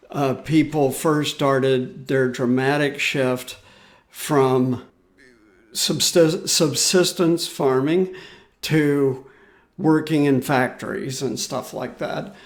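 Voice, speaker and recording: Slow, easygoing male podcast host. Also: medium pitch. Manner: unhurried, loose, with many fillers and restarts. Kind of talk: solo podcast commentary.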